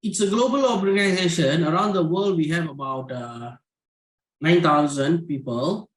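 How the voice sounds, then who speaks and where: Male panelist, mid pitch, easygoing talker, echoey room on a video call. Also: moderate pace. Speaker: panel guest, HR business partner. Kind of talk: casual panel chat.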